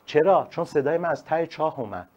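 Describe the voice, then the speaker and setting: A male teacher giving a live online class, animated and emphatic, calling on students by name. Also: on the high side, muffled recording.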